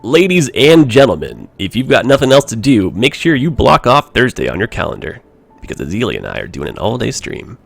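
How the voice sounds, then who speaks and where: A man putting on a booming radio show announcer. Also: wildly swooping pitch, fairly quick, creaky, slightly rough, no room sound, soft background music, full character voice. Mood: announcing. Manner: loud dramatic announcer delivery. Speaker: game streamer.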